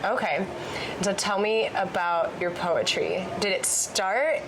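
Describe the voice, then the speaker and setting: A woman's voice: medium pitch, expressive, takes it slowly, background noise. A woman hosting a casual interview, asking questions in a friendly, encouraging way. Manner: friendly, encouraging, short reactions. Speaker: interviewer, host.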